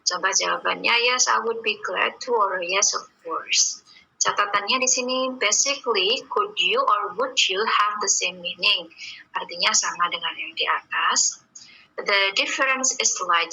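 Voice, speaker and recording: A woman English teacher in an online class, reading out each example slowly before explaining it. Her voice is very bright and edgy, with a husky, breathy grain. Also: medium pitch, rough recording. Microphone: video call or computer mic.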